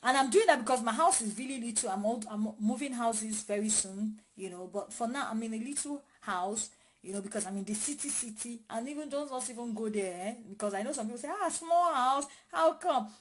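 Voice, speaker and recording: A woman in her 30s with a slightly high voice talks briskly to viewers in a casual live Q&A, answering their questions as a vlogger. She records on her phone in a small city home, and the poor audio carries a bit of hiss or hum.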